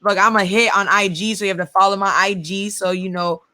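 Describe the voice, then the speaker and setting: Female co-host, Queens accent, bright and punchy, effusive casual street talk, close dry recording. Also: medium pitch, steady tone, brisk, dry recording. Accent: Queens, New York. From Queens, New York. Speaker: interview co-host. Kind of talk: casual, slangy interview chat.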